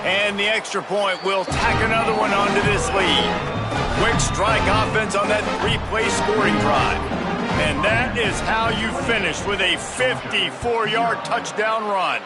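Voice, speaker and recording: A man's voice: high voice, unhurried. An American man giving play-by-play commentary on a football game. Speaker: play-by-play announcer. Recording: loud music and stadium crowd behind. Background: loud music, roaring crowd.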